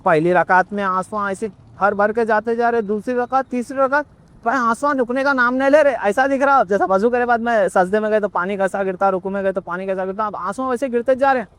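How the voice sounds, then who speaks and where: A young man recounts a personal episode in a casual vlog. His voice sits very high for a man. He loops back over the same points again and again as he tells it. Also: a little fast, a bit bright, smooth, no room sound. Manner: rambling, repetitive, emotional retelling. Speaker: vlogger telling a personal story. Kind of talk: casual storytelling monologue.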